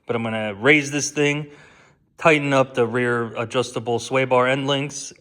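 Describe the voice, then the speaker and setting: Relaxed man explaining a car job. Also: medium pitch. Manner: relaxed, explaining step by step while working. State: out of breath. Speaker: car channel host. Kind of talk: casual how-to car vlog.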